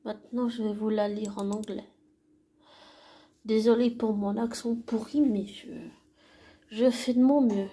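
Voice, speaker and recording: A woman talks her viewers through a song she wrote, in an unhurried, casual way. Her voice is mellow and dark, and she speaks slowly and softly, stumbling and restarting as she searches for words and sometimes dropping almost to a whisper. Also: on the high side, steady tone, husky. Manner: soft, hesitant, with restarts and trailing off. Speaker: songwriter explaining her own song. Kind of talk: casual spoken explanation to viewers.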